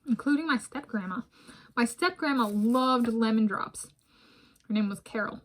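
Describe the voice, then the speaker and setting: This American woman in her thirties has a slightly high-pitched voice and speaks at a moderate pace. She vlogs about food from a room at home lined with bookshelves, rambling and digressing as she chats between bites.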